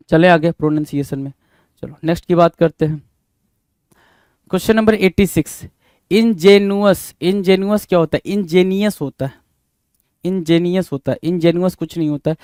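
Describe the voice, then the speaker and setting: A man's voice: on the high side, dark tone, no room sound. A young man, teaching a spelling lesson and spelling words out letter by letter. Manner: repetitive, drawn-out and emphatic, often calls listeners bhai.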